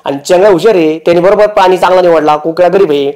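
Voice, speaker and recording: A man's voice: high voice, very fast, darkish tone. A man hosting a comic roast, teasing and mocking the people in the clips he reacts to. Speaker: roast host.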